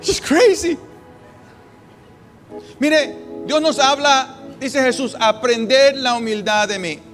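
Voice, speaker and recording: Man, pastor, sermon, very high pitch, emphatic storytelling, faint background music. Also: fairly bright tone. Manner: storytelling, emphatic, with drawn-out pauses.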